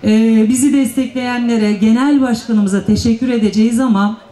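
Speaking into a podium mic, the mayor gives an earnest, emphatic panel address, stretching out the words she stresses. She has a warm, steady, rather high voice, and the sound echoes like a PA system.

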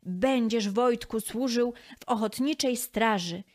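A woman voicing a stern but kind-hearted village blacksmith who leads the fire brigade, speaking slowly and firmly. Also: fairly high pitch. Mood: proud. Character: gruff kind village blacksmith, fire chief, mustached man.

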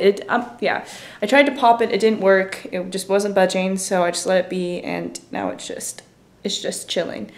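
A woman's voice: mid-range voice, a little mellow. Chatty young woman vlogging in an echoey room. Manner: chatty, rambling with fillers. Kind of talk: casual vlog chat. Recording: roomy echo.

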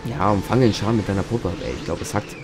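A young man hosting a let's play, chatting casually and swearing at the game in loud outbursts. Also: on the low side, quick pace. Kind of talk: casual gameplay commentary. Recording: game music behind the voice.

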